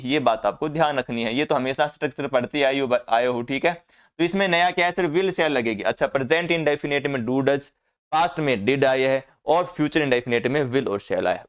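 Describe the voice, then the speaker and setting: A man's voice: mid-range voice, a bit bright, clean tone. A man teaching an English grammar class, often asking the class questions and answering them himself.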